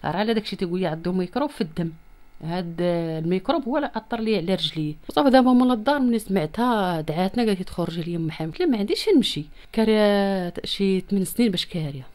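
A woman's voice: medium pitch, animated, very fast, a little mellow. A woman in her thirties with a Moroccan accent, making a plaintive, insistent personal plea into a handheld microphone in an interview at home. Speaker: interviewee appealing for help. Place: small room at home. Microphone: handheld reporter's microphone close to the mouth.

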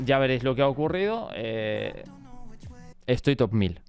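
A young man from chatting about video games to his viewers, excitable and given to swearing, indignant rants. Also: mid-range voice, normal speed, vocal fry, clear, resonant tone, soft background music. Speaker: gaming YouTuber. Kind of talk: casual gaming commentary to camera.

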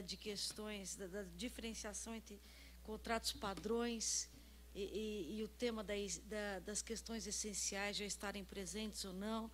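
A woman moderating a conference panel formally, pausing to search for words. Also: mid-range voice, slight background noise.

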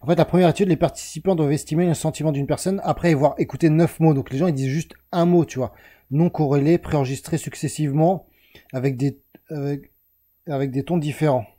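French male host, casual self-correcting explainer, very dark timbre. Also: on the high side, fairly even intonation, fast talker. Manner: rambling, self-correcting, talks to the viewer as "tu". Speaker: self-help video host. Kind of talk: casual explanatory monologue while drawing a chart.

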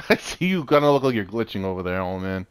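A man's voice: lowish voice, animated, fairly quick, clean tone, no echo. A man chatting casually while playing a co-op game, often exclaiming and laughing. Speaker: gamer. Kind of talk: casual co-op gameplay chat.

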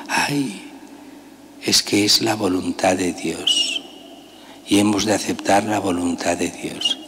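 Deep-voiced older priest in a church. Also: male voice, fairly bright tone. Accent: Spanish. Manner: conversational, emphatic, rhetorical questions. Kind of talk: sermon. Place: large church. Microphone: gooseneck lectern mic. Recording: long church reverb, faint hiss.

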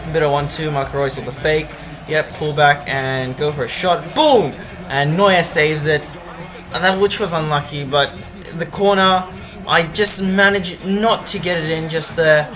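A man's voice: a little high, fairly even intonation, moderate pace, crowd noise. A man commentating a football video game in a casual, rambling voice-over with many fillers. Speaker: gaming channel host.

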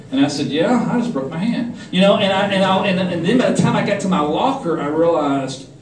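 A middle-aged man preaches his personal testimony to a conference crowd, acting out what he and others said along the way. His voice sits a bit high. It carries the echo of a big hall, picked up from some way off the mic, with faint noise underneath. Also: distant mic. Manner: animated storytelling, acting out the quotes.

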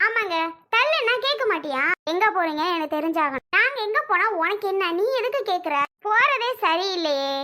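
Woman voicing a shrill mother-in-law, very high, bright, accusing. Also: lively intonation, moderate pace, full character voice. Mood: angry. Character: fierce quarrelsome middle-aged mother-in-law.

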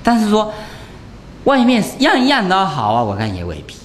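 A man teaching as a Buddhist monk, his somewhat high voice rising and falling in wide, animated swings. He talks to his listeners in a loose, chatty way and keeps throwing rhetorical questions at them. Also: moderate pace, a little hiss or hum. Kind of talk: conversational dharma lecture.

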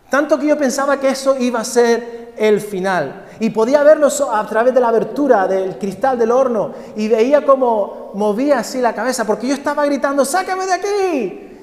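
A man's voice: very high voice, pitched above the performer's own voice. A man voicing a talking clay cup, female and pleading, crying out for the pain to stop. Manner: wailing cries for it to stop. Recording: echoey hall.

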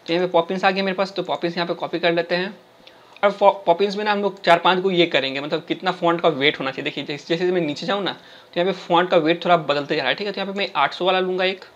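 Fast-talking high-voiced young man teaching code. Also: fairly even intonation, fairly bright tone, lo-fi sound. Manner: chatty, keeps tagging lines with "theek hai?". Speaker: coding tutorial host. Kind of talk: screen-recorded coding tutorial.

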